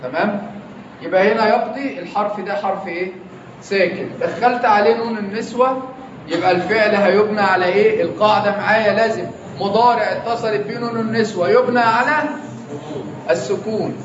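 The speaker is a high-pitched Egyptian man talking a little fast while he quizzes his grammar students repeatedly. The classroom recording is noisy, echoey, distant, and dull lo-fi.

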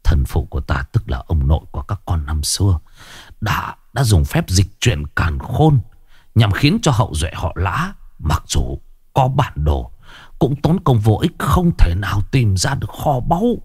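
A man's voice: big pitch swings, a little mellow, no room sound, clean studio sound, full character voice. A man doing a weak, grave dying old father. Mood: weary. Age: over 60 (figure). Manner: deep, weary, halting, breathy at times.

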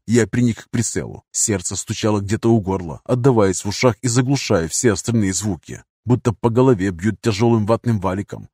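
A man with a low voice narrates a first-person action story in a tense, punchy way. He reads short, sharp sentences and gives the dialogue real force. The recording is dry and close, with no room sound. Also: husky, no echo. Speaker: audiobook narrator.

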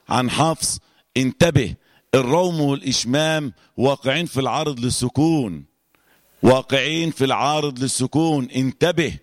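A man with an Egyptian accent teaching Quran recitation rules to a class, quizzing students and chanting verses slowly to demonstrate. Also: medium pitch, long reverb tail. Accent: Egyptian Arabic. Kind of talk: classroom lesson on tajweed.

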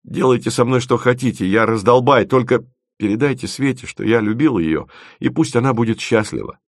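A man's voice: medium pitch, a little fast, no room sound, studio quality, close to an everyday voice. A man voicing a remorseful young male inventor in a mournful, confessing tone.

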